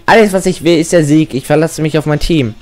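A man's voice: fairly high pitch, brisk, a little mellow, soft background music, voice pushed up, close to an everyday voice. A man reading out Hop, an eager teen rival. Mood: keen. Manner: reading game dialogue aloud, earnest and keen. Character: eager teenage boy rival trainer.

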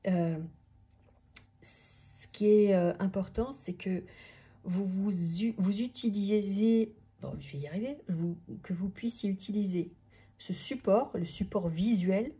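A woman teaching a tarot method in a loose, thinking-aloud way, often restarting her sentences. Her voice is warm and mellow, with a husky, airy edge. Now and then she softens almost to a whisper. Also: medium pitch, takes it slowly. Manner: thoughtful, restarts often, drops to near-whispers. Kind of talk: unscripted teaching talk.

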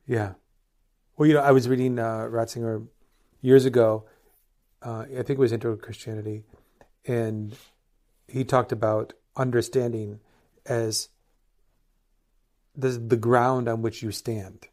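A middle-aged man, a priest co-hosting a podcast, talking in a lively, playfully opinionated casual chat. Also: mid-range voice, measured pace, pauses often. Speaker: priest co-host.

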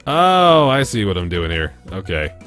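Animated man doing let's play commentary. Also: fairly low pitch, moderate pace, soft background music. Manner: joking, talks to himself. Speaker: gaming video host.

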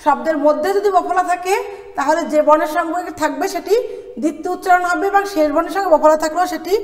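A woman with a high voice teaches pronunciation in a classroom style from Bangladesh, slowly stressing sounds and posing questions she answers herself. Her voice rings through a roomy space with a long reverb tail. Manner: slow, emphatic, asks questions then answers them. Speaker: college Bangla lecturer.

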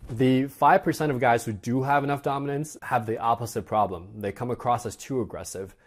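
A man's voice: medium pitch, brisk. A man teaching a dating course lesson in a conversational way, acting out example dialogues. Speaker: dating coach.

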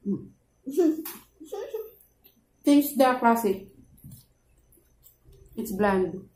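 A woman's voice: medium pitch, very slow, darkish tone. A woman, a mother chatting casually with viewers and coaxing her child during a family eating video. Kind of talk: casual mukbang chat to viewers. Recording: roomy echo.

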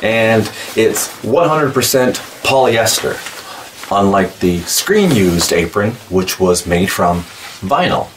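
Slow and lively, with a lowish voice, a man in his forties casually shows off horror cosplay props he's excited about. The camera sits at a distance in a cluttered indoor room full of horror collectibles, vlog-style, and a slight hiss or hum can be heard.

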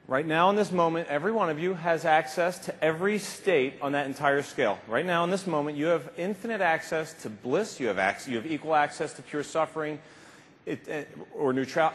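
A man in his fifties, whose voice sits on the high side, gives an emphatic, casual motivational keynote on a large indoor stage, repeating phrases for effect. Recorded through a lapel mic, the sound carries slight background noise, hall reverberation and some muffling.

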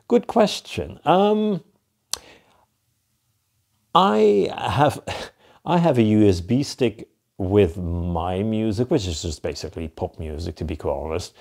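A Flemish man in his fifties from Belgium, whose first language is Dutch, answers viewer questions for his van life vlog from a cosy living room. He speaks into a lapel mic in a low, slightly mellow voice, chatting and rambling with many fillers and a habit of repeating "to be quite honest".

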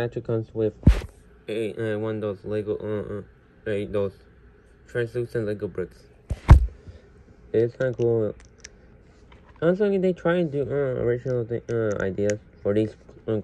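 A man's voice: on the low side, highs cut off. Rambling man reviewing toys, many fillers. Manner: gets loud at times. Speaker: Lego reviewer. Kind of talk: casual unscripted review. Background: faint household noise.

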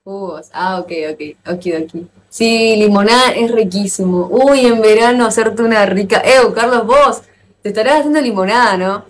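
A woman with an Argentine accent chatting casually with viewers on a live stream, playful and quick to exclaim and laugh. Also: medium pitch, slight background noise. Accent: Argentine Spanish. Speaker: livestreamer.

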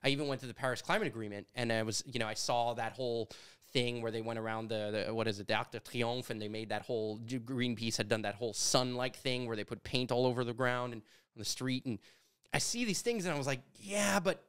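A man in his thirties from Canada, talking through ideas in a casual conversation at a studio boom mic, animated and gesturing as he tells stories. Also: fairly quick, clean tone. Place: studio with brick walls. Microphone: studio mic on boom arm.

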